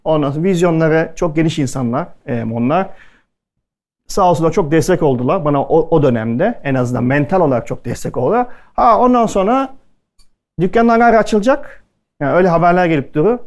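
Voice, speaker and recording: A man's voice: on the high side, animated, fairly quick. A man speaking at a culinary event, telling stories casually to the audience and acting out the lines of the people in them. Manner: chatty anecdotal delivery, acting out quoted dialogue. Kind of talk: casual storytelling talk to an audience.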